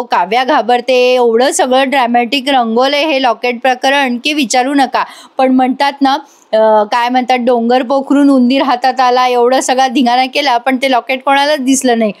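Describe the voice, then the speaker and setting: A woman narrates a voice-over recap of a TV serial in a chatty way, talking straight to her viewers. Her voice is high. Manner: chatty, addresses viewers directly. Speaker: TV serial reviewer.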